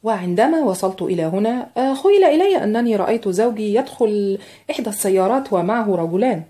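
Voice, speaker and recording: A woman voicing a composed foreign wife with a calm, lightly ironic manner. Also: mid-range voice, fast, close to an everyday voice.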